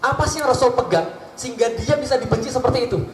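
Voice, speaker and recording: A male preacher with a strikingly high voice delivers a lively sermon. He quizzes his audience and slips into little acted dialogues. The sound carries through an echoey hall. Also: fast, a little hiss or hum. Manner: lively, asks the audience questions, acts out dialogues. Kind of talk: Islamic sermon.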